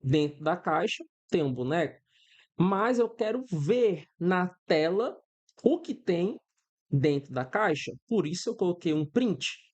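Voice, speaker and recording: This programming instructor's voice sits high, with lively intonation and a slow pace. He's a Brazilian man in his thirties with a Brazilian Portuguese accent, walking students through a screen-recorded coding lesson step by step, checking in frequently and drawing on everyday examples.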